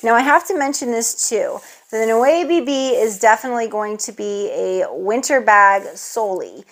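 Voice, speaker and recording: Speaking at a moderate pace in an expressive, somewhat high voice, a thirtysomething woman unboxes handbags for her luxury handbag vlog, gushing with enthusiasm and addressing everyone as "you guys." The casual video is recorded on a clip-on lapel mic in an indoor room with shelves of handbags.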